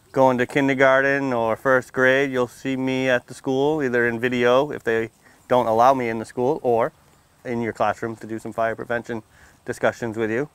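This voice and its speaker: A firefighter in his thirties who also educates on fire prevention speaks to young children at a read-aloud storytime, friendly and plain-spoken, through a face mask beneath a canopy on a library lawn. His voice is mid-range and clean, in a dry recording.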